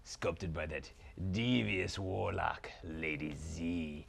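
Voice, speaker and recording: A man's voice: low-pitched, takes it slowly, gravelly, slight background noise, pitched below the performer's own voice, heavily acted. A man voicing a pompous villain sorcerer prince in a comic skit, haughty and theatrical, now and then dropping to a stage whisper.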